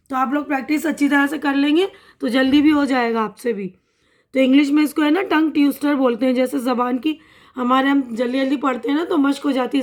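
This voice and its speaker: High-voiced patient woman teacher. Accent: Maharashtra Urdu. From India. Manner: slow, patient, repeats words for children to follow. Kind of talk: reading and explaining a children's textbook lesson.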